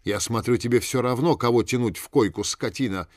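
An audiobook scene with a hysterical young woman, played by a male reader, spitting insults at the man who left her. The voice rides higher and louder than the reader's own. The sound is close and dry. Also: unhurried, dry recording, natural voice. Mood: furious, hysterical. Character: young woman, furious jealous ex-lover.

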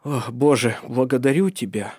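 A man's voice: medium pitch, moderate pace, a little mellow, husky, dry recording, clean studio sound, natural voice. A man voicing an earnest, protective young nobleman in love in an audiobook.

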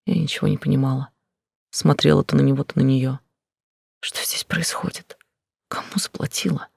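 Husky man narrating in a hushed voice. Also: mid-range voice, steady tone, normal speed, no room sound. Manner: quiet, intense, often whispered delivery. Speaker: audiobook narrator. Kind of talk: first-person novel narration.

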